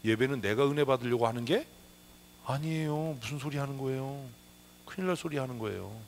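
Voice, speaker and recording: A man's voice: medium pitch, a little fast, a little hiss or hum. A man preaching a sermon as pastor, emphatic, often asking rhetorical questions. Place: church sanctuary.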